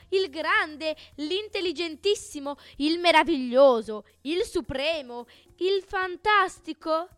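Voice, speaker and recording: Lady doing a bossy vain pond ruler, pompous, kinda high voice, storybook style. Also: sharp tone, no room sound. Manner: pompous, grandiose, booming then sighing. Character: boastful vain pond lord hidden underwater. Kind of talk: storybook reading.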